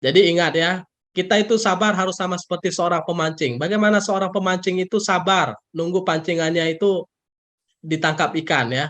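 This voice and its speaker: Man preaching, animated and emphatic. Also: a little fast. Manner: animated preaching, voice often jumping up high for emphasis; acts out the people he quotes in a raised voice. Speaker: pastor. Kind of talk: sermon.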